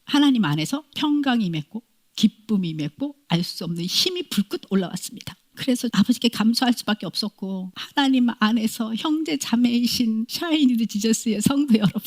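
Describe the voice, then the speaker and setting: A woman pastor giving a sermon, telling a personal story and acting out her own inner prayers, dropping to whispers and rising to loud cries. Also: on the high side, lively intonation, brisk.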